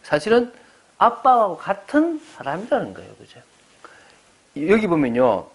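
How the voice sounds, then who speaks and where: A man's voice: sits high, wildly swooping pitch, normal speed, breathy edge. A man in his forties, a pastor preaching a sermon at a church service. He explains his points conversationally and keeps putting rhetorical questions to the congregation.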